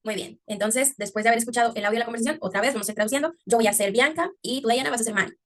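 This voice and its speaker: A woman teacher explaining English grammar in Spanish, often checking understanding with a quick "ok?" and slowing down to stress English words. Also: on the high side, fairly bright tone. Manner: slows down to exaggerate English pronunciation. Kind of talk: online English class taught in Spanish.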